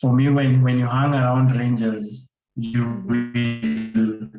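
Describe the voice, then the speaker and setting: On dull, roomy online-call audio with soft background music, a Kenyan-accented man speaks slowly in a mid-range, creaky, mellow voice. As a panelist and conservation photographer and filmmaker, he lays out his approach, restating points and posing rhetorical questions.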